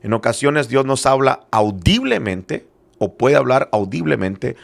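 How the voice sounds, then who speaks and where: A man's voice: mid-range voice, lively intonation, a little slow, vocal fry. A middle-aged man, a church apostle, explaining faith matters in an earnest conversational way, with many hesitant fillers. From Spanish-speaking background, living in Arizona.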